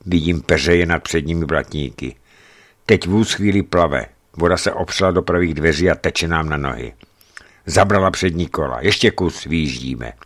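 A man narrating a scripted travel account in a measured storytelling manner, with vivid emphasis. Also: low-pitched, fairly bright tone.

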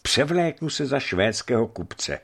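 A man reading a story and voicing a bold, cheerful young traveller who speaks in a brisk, confident manner. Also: medium pitch, big pitch swings, gravelly, voice pushed up. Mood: confident, amused.

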